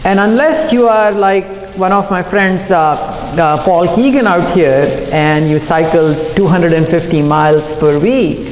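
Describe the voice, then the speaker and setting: Middle-aged guy doin a medical conference talk, kinda high voice, big echoey hall. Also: slight background noise. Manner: earnest, speaks quickly with fillers and self-corrections. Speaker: cardiologist and conference speaker. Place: large hotel conference room. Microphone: podium microphone. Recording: echoey hall, recorded from afar.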